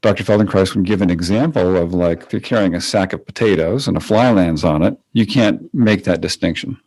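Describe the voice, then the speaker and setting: A man co-hosting a podcast as a Feldenkrais teacher, explaining ideas in a relaxed way with fillers. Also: low voice, fairly quick, slightly rough, no room sound, rough recording. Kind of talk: casual conversation.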